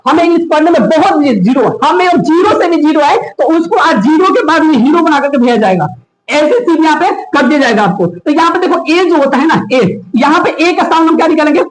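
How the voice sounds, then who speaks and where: High-voiced woman drilling a classroom. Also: lively intonation, brisk. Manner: drills with repeated quiz questions. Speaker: teacher. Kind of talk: classroom phonics lesson. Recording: echoey room.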